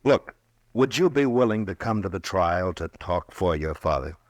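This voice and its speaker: A grown man, an old-time radio drama actor, plays a weary, kindly frontier marshal in a 1950s radio western, also narrating the story in first person. His extremely deep voice has lively intonation at a normal speed, and he sounds hesitant and gentle, stammering as he goes. The recording is dry and close-miked.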